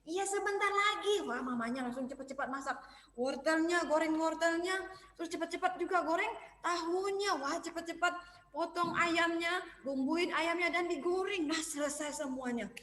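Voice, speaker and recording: A woman preschool teacher telling a story and leading young children in an online class, animated and exclaiming. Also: very high voice, moderate pace. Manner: animated, exclaiming, sing-song. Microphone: video call. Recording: echoey room with long reverb.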